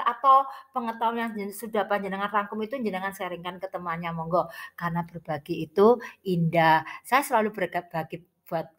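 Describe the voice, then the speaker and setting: A woman's voice: mid-range voice, fairly bright tone. A woman with a Javanese accent gives an informal, chatty tutorial for teachers, her speech slightly muddled by a toothache. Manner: chatty, explanatory, addressing listeners directly. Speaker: early childhood teacher giving an online tutorial. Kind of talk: informal instructional explanation for teachers.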